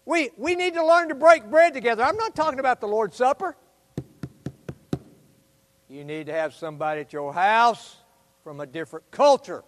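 Guy preaching a sermon, really high pitched, fervent and pleading w the congregation, long church reverb. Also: lively intonation, moderate pace, long pauses, fairly bright tone. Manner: fervent, exhortative, direct appeals to listeners. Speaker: pastor preaching to his church. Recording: hall reverb.

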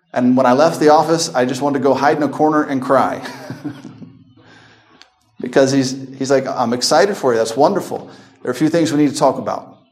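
A man who is a missionary teaching a Bible class in a conversational way, acting out quoted people with changes in his voice. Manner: conversational, acts out quoted people with shifts of pitch, laughs often. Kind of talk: recorded Bible class lecture.

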